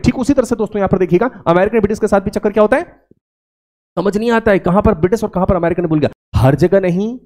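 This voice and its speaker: A man from India gives a spoken English demo lecture in a classroom, quizzing the class and repeating words slowly to model pronunciation. His voice sits high and is a little mellow.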